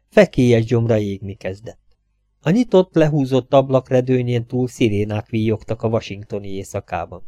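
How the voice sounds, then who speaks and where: A male audiobook narrator reading in a measured, steady way. His voice is mellow and relaxed, recorded dry and close to the microphone. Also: mid-range voice, no echo.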